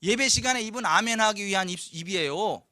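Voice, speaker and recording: A man's voice: high voice, fast talker, no echo, clean studio sound. A man preaching as pastor, acting out everyday quarrels in little voices and building lists of phrases with rising force in a church. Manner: animated, acts out family quarrels in voices. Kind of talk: sermon. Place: church sanctuary.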